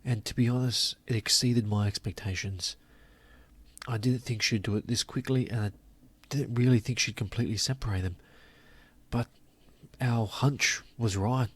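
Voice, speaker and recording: A man's voice: medium pitch, steady tone, moderate pace, husky, no echo. A man giving scornful, sarcastic commentary to his audience, stretching words for emphasis. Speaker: commentary channel host. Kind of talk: opinionated commentary.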